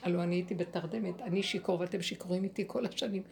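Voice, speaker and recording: A woman teaching a spiritual lesson to a group, speaking in an animated way, acting out inner dialogue and asking her listeners rhetorical questions. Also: lowish voice, gravelly, a little hiss or hum.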